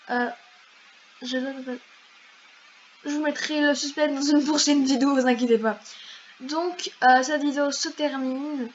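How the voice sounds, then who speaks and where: A high, light female voice drifts along at an easy, slow pace. She is a YouTuber chatting casually over her gameplay, slangy and full of fillers. The recording sounds a little muffled and lo-fi, with a faint hiss underneath. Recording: slightly dull lo-fi mic.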